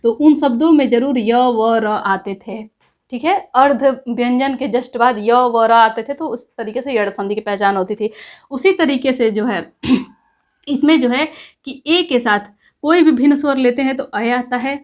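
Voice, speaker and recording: A woman's voice: on the high side, unhurried. A woman teaching a grammar lesson, explaining step by step and checking in often with the class.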